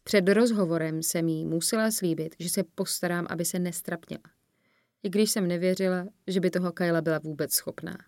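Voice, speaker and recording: A woman reading a first-person audiobook in a measured storytelling manner, voicing the characters as she goes. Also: lowish voice, steady tone, a little mellow, no echo, studio quality. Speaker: audiobook narrator.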